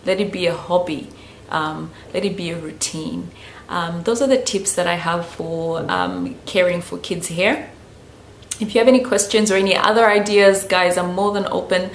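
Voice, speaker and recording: A woman's voice: lowish voice, steady tone, normal speed, slight background noise. A woman from Zambia, giving casual hair-care advice to camera in a chatty, loose way, often saying "you know". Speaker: natural hair vlogger. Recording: echoey room, faint background ambience.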